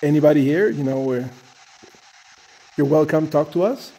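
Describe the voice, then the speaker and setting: A man leading a paranormal session with casual, halting questions addressed to spirits, pausing between short phrases. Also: a little high, mellow, husky. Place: inside a large underground cave. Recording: noisy handheld cave recording.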